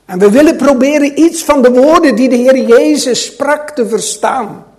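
A man preaching a sermon to his congregation, with a slow, dramatic delivery that swings between loud and hushed. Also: extremely high pitch. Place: church.

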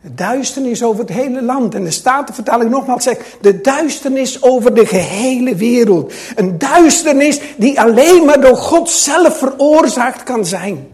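A man preaching a sermon to his congregation, with a slow, dramatic delivery that swings between loud and hushed. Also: very high voice, expressive. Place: church.

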